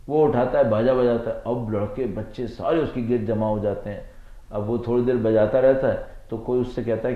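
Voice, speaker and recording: A male cleric with a Pakistani Urdu accent delivers a religious lecture, weaving slow anecdotes and rhetorical questions. The recording is dull and lo-fi, and the voice rings in an echoey room. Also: medium pitch. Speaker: Shia cleric.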